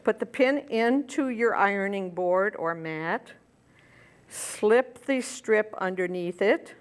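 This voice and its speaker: Older woman, TV craft host, easygoing step-by-step demo delivery. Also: mid-range voice. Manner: friendly step-by-step explaining, talking while working. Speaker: quilting show host. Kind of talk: hands-on sewing demonstration.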